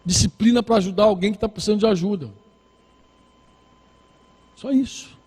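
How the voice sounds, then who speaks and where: A male pastor delivers a sermon with a high voice, pressing his points home through repetition. The tone is dark and a little husky. The sound carries a long reverb from a church hall. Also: steady tone, very fast. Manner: exhorting, repetitive, acts out dialogues.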